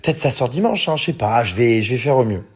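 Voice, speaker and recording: A slightly rough man in his thirties with a medium-pitched, darkish, expressive voice talks quickly as he vlogs casually to his followers. He reads out fan messages and answers them in a chatty story style, full of fillers like "hein" and "euh," and often laughs mid-sentence.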